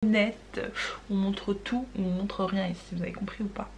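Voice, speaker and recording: Chatty woman doing her makeup on camera, playful, keeps repeating foreign words, mid pitch, faint noise behind. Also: steady tone, moderate pace. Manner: chatty, sometimes dropping to a soft murmur while working. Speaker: beauty vlogger. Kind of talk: casual makeup tutorial chat.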